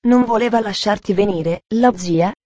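A woman reading as a gentle, hesitant doctor. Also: mid-range voice, moderate pace, no echo, natural voice. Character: gentle, serious country doctor, male. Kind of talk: audiobook reading.

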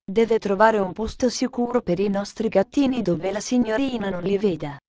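A woman voicing a gentle young girl from a wealthy home in a storybook reading, speaking in a pleading way. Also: mid-range voice, moderate pace, no echo, lightly acted.

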